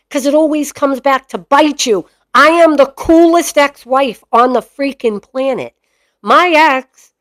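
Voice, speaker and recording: A woman in her late fifties with a Boston accent speaks in a slightly high voice. She chats to camera in an animated, joking way, like a storyteller. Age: 50s. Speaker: dog breeder and channel host. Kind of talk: casual chat to camera.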